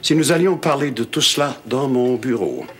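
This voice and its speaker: A man's voice: medium pitch, lively intonation, normal speed, slight background noise, natural voice. An actor playing a guarded, authoritative man who speaks in a formal, controlled way. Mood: guarded, insistent. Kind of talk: television period drama acting.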